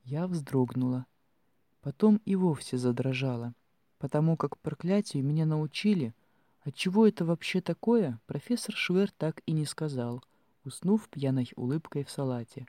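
A man reading a first-person fantasy audiobook in an expressive storytelling manner. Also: fairly high pitch, moderate pace, no room sound. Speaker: audiobook narrator. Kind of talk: scripted fiction narration.

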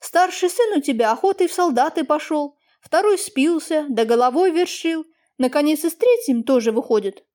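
A woman reading an audiobook, voicing a quick-tempered landowner's wife who speaks briskly. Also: sits high, expressive, mellow, voice pushed up. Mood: indignant. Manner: brisk, indignant.

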